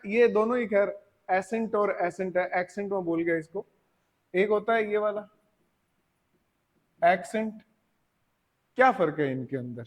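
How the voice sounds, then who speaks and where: A man with an Indian accent teaching English vocabulary, explaining in Hindi, reading English examples slowly and asking his students rhetorical questions. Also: sits high. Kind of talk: classroom lesson. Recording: long reverb, echoey classroom.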